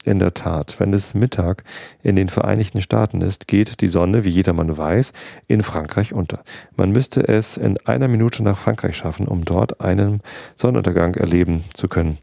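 Low gravelly man reading a novel aloud. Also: dark tone, dry recording, clean studio sound. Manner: slow, pausing reading with small slips and self-corrections. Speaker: reader.

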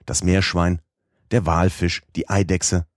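A man reading a classic adventure novel aloud as an audiobook narrator, in a measured, steady manner. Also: sits low, no room sound, clean studio sound.

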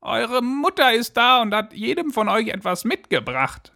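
A man's voice: very high voice, big pitch swings, normal speed, vocal fry, pushed and bright, voice pushed up, exaggerated voice. A man voicing a sly, wicked wolf in a fairy tale reading, coaxing in a put-on sweet voice.

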